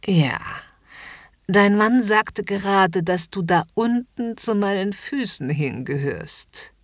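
A woman's voice: mid-range voice, takes it slowly, no echo, clean studio sound. A woman voicing a haughty, domineering upper-class lady in a commanding, mocking whispered role-play.

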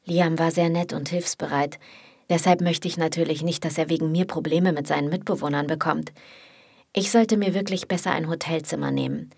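Low, husky woman narrating an audiobook. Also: steady tone, a little fast, a little mellow, no room sound, studio quality. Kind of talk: first-person audiobook narration.

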